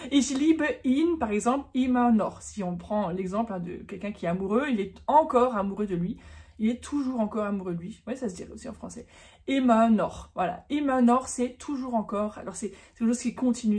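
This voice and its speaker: A woman's voice: a little high, normal speed, darkish tone. A woman giving a casual, chatty online German lesson, correcting herself as she goes and stretching out the example words. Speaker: German teacher.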